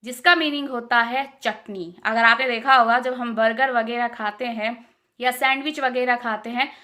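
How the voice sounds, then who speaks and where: A woman with an Indian accent teaching English pronunciation, repeating each word slowly several times. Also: on the high side, fairly even intonation, pushed and bright. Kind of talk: casual spoken lesson.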